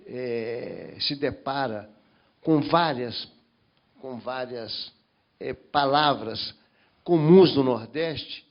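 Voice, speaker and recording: Drawing out his words in a medium-pitched voice, a Northeastern Brazilian man speaks as a panel member. He offers long comments with many restarted sentences, and the recording lacks high frequencies.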